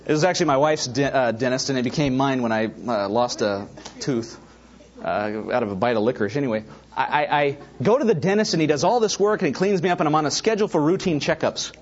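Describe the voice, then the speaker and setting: Talking fast in a medium-pitched voice, a middle-aged pastor gives a sermon full of animated personal stories and asides directed at the congregation. The sound quality is lo-fi.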